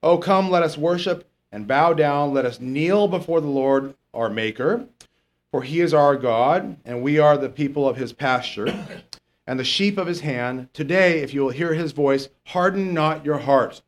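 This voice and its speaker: This is a verse-by-verse teaching sermon from a pastor whose voice sits low and lacks strength. His tone is conversational, and he lingers over scripture readings, stressing the words.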